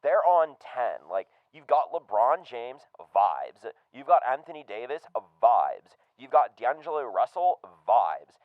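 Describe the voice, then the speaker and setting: A man's voice: mid-range voice, dry recording, phone-quality sound. A man playing a laid-back rich surfer-bro caller who drawls with lots of "dude" and "like". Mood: hyped bragging. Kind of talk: comedic prank call bit.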